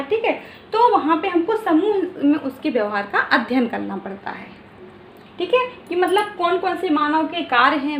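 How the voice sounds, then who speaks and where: Woman exam-prep teacher, high voice, roomy echo with faint hiss, rhetorical questions and constant "okay" check-ins. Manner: repeats "ठीक है" often, asks and answers own questions.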